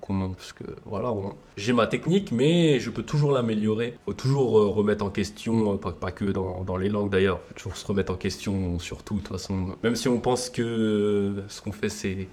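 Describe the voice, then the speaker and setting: A young man in his twenties, a guest in an interview, talking casually and hesitantly with many pauses and restarts. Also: lowish voice, a little mellow.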